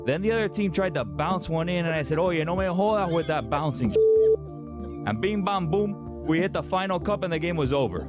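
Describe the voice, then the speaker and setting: Brash young superfan played by a man, Miami Cuban-American accent, higher-pitched, booming motivational hype speech over prominent music. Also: expressive, fairly quick, natural voice. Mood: fired-up, defiant. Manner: emphatic, dramatic build-ups, slangy Spanglish. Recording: background music under the voice.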